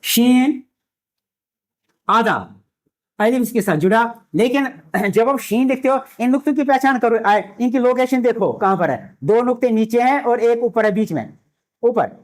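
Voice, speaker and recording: A man teaching Urdu script in a classroom lecture, patient and repetitive, spelling letters out slowly. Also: very high voice, expressive. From India.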